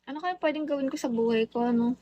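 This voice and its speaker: Talking fast in a high voice over lo-fi sound, the young Filipino streamer chats casually from her phone at home. She greets each viewer in turn, teasing playfully and mixing Tagalog with English in her Filipino accent.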